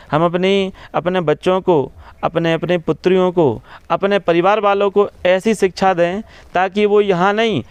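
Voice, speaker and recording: Clear-voiced preacher, dry close sound. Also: male voice, fairly high pitch, a little mellow, dry recording. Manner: measured, slows down to recite verses; repeats key phrases with "है ना". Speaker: religious preacher giving an interview. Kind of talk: devotional explanation in a press talk.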